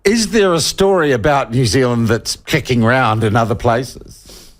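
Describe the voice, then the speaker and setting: A man's voice: medium pitch, normal speed. A man hosting a talk radio interview, asking pointed, opinionated questions.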